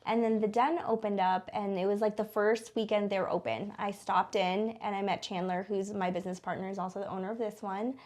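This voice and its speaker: Her medium-pitched, slightly mellow voice stays steady and brisk, with hardly any pauses, as she answers interview questions in a small studio. She's an American small business co-owner in her thirties, Philippine-born and Denver-raised from age eight, chatting informally with lots of "like."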